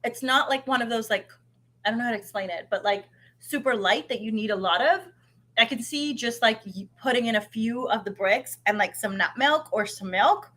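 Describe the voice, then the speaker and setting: A woman's voice: on the high side, moderate pace, fairly bright tone. A woman from Canada hosting a live cooking stream, chatty and upbeat with lots of fillers and restarts. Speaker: host of a live cooking show. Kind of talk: casual live-stream chat.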